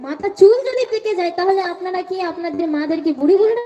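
A woman folk singer arguing to an audience in a live stage debate, speaking and then singing slow verses. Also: extremely high pitch, music in the background. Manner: declaiming to the audience, slipping into slow sung verses. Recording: distant, dull live stage recording.

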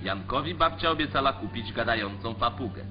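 A man's voice: medium pitch, expressive, brisk. Guy doing formal old 1940s newsreel narration, muffled lo-fi sound, music playing under it. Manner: formal, declamatory. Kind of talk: scripted newsreel commentary. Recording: dull lo-fi 1940s newsreel track.

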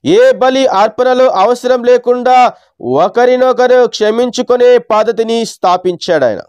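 Man from India, preacher, Sunday sermon, high voice, dry close sound. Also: darkish tone, smooth, no echo. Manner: measured teaching tone with rhetorical questions.

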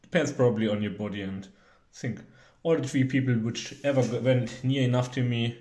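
Man, young adult, casual joking cooking chat, hesitant, mid pitch, echoey room. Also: fairly quick, darkish tone. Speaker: cooking vlogger. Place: home kitchen.

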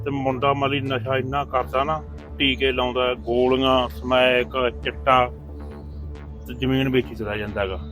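An actor playing a chatty village matchmaker, speaking with a Punjabi accent. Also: male voice, medium pitch, flat delivery, moderate pace, fairly bright tone, soft background music, lightly acted. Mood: gossiping. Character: gossiping village matchmaker man.

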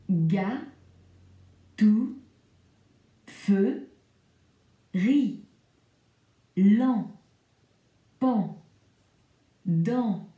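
Woman reading syllables very slowly. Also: medium pitch, dark tone, reverberant. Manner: slow, careful, evenly spaced syllables. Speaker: recorded reading voice. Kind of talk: reading syllables aloud for learners.

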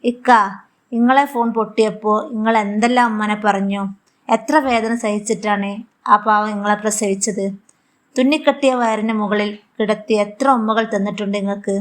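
A woman's voice: mid-range voice, steady tone, moderate pace, close to an everyday voice. Woman reading a caring daughter-in-law, earnest and reproachful, Malabar accent, storybook. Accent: Malabar Malayalam. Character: kind, firm young daughter-in-law.

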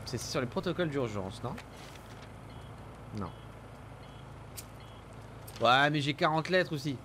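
A young man giving casual, joking and excitable game commentary in slang, jumpy when startled. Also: on the high side, slow pace, slight background noise. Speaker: game streamer. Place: indoor room at home. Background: game sounds.

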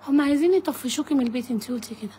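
A woman reporter with an Egyptian accent asks brisk, probing questions at a very rapid clip. Her voice sits slightly high. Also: animated, mellow, a little hiss or hum. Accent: Egyptian Arabic. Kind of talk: interview questions.

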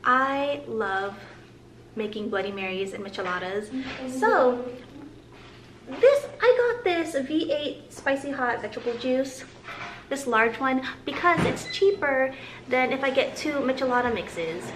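A woman's voice: high-pitched, expressive, unhurried. A woman in her thirties casually showing off her grocery haul on her home vlog, chatty and upbeat, in a living room recorded by a camera. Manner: chatty, upbeat, lingers on some words. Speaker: vlogger. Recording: roomy home audio with background hiss.

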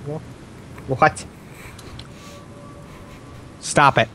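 A man's voice: medium pitch, steady tone, very slow, sharp tone, soft background music. A young man casually chatting and joking while playing a game with friends, often breaking into sing-song bits and swearing. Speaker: let's play host. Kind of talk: casual gaming chat.

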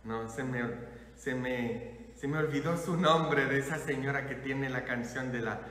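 A man from Poland with a Polish accent, preaching a sermon as a priest in a lively, jokey way. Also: medium pitch, unhurried. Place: church. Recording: echoey church hall.

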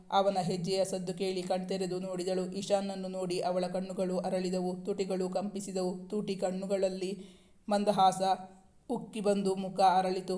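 A man narrating a serialized romance novel in a steady, even reading. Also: high-pitched. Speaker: storyteller.

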